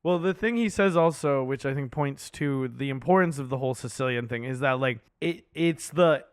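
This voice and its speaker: A man's voice: mid-range voice, normal speed, smooth, dry recording, clean studio sound. A man co-hosting a podcast, recapping a movie in casual chat and acting out the characters' lines. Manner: animated, acts out characters' lines in quotes. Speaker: podcast co-host.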